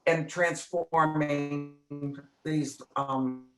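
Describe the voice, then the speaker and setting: A woman's voice: deep voice, steady tone, drawn-out words, music in the background. A woman speaking earnestly in a conference discussion over a video call, her words choppy and cutting out from a bad connection. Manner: apologetic, earnest. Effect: choppy audio, words cutting out from a bad connection. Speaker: conference participant.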